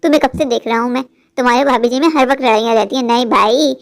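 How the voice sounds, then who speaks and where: A woman voicing a cheerful young bachelor friend in a cartoon story, lowering her voice into a boyish, breezy tone. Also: fairly even intonation, fast talker, lightly acted.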